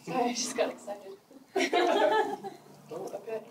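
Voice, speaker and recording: A woman's voice: on the high side, sing-song, slow. A woman volunteering on stage, giggly and apologetic in short replies. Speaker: audience volunteer. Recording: echoey from far off with noise.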